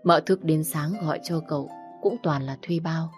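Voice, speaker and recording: A woman narrating a romance story in a steady storytelling manner. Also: low-pitched, normal speed, faint music behind.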